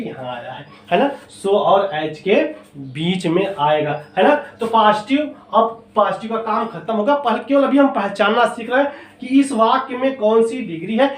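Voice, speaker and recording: A man with a fairly high voice teaches grammar in a classroom style. He explains step by step, keeps asking his own questions and answering them, and sounds a little distant from the mic in a roomy, echoing space. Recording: echoey room, voice a bit far from mic.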